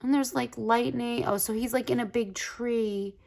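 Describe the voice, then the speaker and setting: A woman casually flipping through a tarot deck on her channel, gushing and chatty, full of "like" fillers, with soft asides that drop to a whisper. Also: on the high side, fairly even intonation, unhurried, vocal fry. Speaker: tarot video creator.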